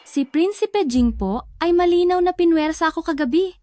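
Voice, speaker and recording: A woman's voice: very high-pitched, animated, normal speed, mellow. A woman dubbing a young woman who formally pleads before a king in a period drama. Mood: pleading.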